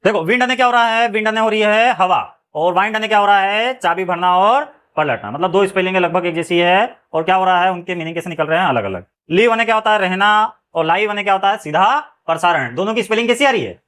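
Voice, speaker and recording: A man with a high-pitched voice teaches English phonics in the manner of a classroom lesson. He poses a question after nearly every word and then answers it himself. He often follows a point with a quick check that everyone is with him. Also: animated, a bit bright, smooth.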